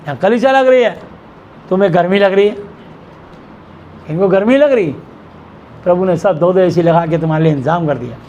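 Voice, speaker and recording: High-voiced middle-aged man preaching emphatically. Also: brisk, pauses often, a little mellow, lo-fi sound, slight background noise. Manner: emphatic preaching with rhetorical questions he answers himself. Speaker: pastor. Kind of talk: sermon. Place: church hall with a congregation.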